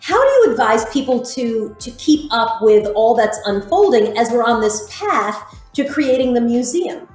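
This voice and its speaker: A woman host moderates the panel with lively, swooping questions. Her voice is high. She sounds distant, in an echoey space. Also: normal speed, faint music behind.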